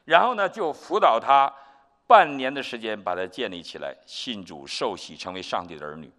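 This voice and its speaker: Animated male preacher in reverberant hall. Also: lowish voice, normal speed. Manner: animated storytelling, acts out quotes. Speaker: pastor. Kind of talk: sermon.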